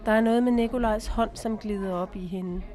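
A woman narrating a novel as an audiobook in a calm, even reading voice. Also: medium pitch, over music.

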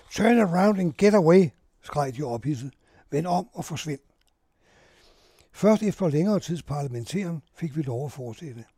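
Calm man narrating a war report. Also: on the high side, slightly rough, no room sound, studio quality. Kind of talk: first-person reportage narration.

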